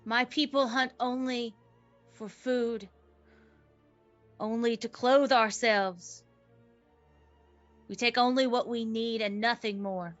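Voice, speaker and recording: A woman playing an earnest forest protector in a tabletop game, speaking in formal, measured, oath-like phrases. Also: fairly high pitch, steady tone, muffled recording, soft background music. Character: solemn, earnest forest protector pleading for peace. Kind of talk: tabletop game role-play.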